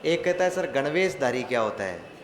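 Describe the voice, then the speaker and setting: A man's voice: mid-range voice, very animated, fairly quick, a crowd in the background. A male teacher, giving an online exam-prep class. He asks his own questions and answers them, with joking, mock-dramatic asides. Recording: echoey room with faint ambient noise.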